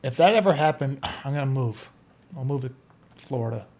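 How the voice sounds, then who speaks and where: A man's voice: mid-range voice, normal speed. Laid-back man thinking aloud. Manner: relaxed, thinking aloud, trailing off. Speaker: animator and streamer. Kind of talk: casual chat while animating on a stream.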